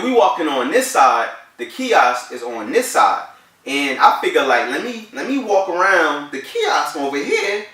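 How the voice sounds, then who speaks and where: A man's voice: a little high, sharp tone. A man in his thirties from New Jersey, telling a story casually on a vlog in slangy talk, acting out his own lines. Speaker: vlog co-host. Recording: echoey room, mic at a distance.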